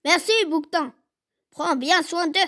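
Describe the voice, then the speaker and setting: A woman voicing a brave young male bear cub who leads his cousins, slow and earnest. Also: very high voice, fairly bright tone, pitched above the performer's own voice.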